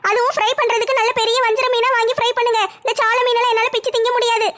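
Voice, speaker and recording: A woman playing a shrill, bossy young daughter-in-law. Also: flat delivery, racing, fairly bright tone. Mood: bossy, demanding. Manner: demanding, mocking. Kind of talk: comedy skit acting.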